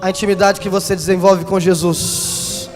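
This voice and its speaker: A pastor preaching a sermon in church, moving from quiet teaching to impassioned shouting. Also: male voice, sits high, level tone, normal speed. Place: large church. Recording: live church recording with long hall reverb and music.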